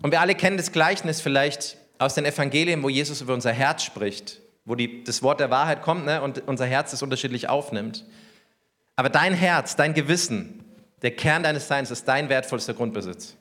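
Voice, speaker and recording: A man's voice: mid-range voice, moderate pace, a bit bright. A man preaching a sermon as pastor, talking conversationally and asking the congregation questions.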